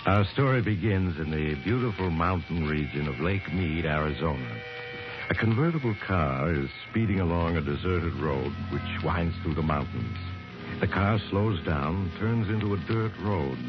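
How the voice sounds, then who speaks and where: A man narrating a vintage radio drama in a measured, dramatic storytelling way. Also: deep voice, expressive. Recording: muffled vintage radio recording with music bed.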